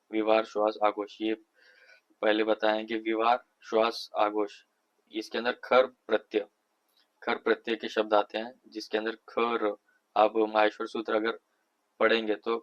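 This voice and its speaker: Flat-voiced man teaching, lo-fi sound. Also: on the low side. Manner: repeats terms slowly, recites sounds one by one. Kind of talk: classroom lecture explaining Sanskrit phonetics. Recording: slightly dull lo-fi recording.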